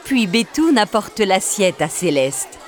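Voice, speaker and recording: A woman reading a children's story aloud in a slow, expressive, sing-song way. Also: mid-range voice, some chatter behind, a little hiss or hum.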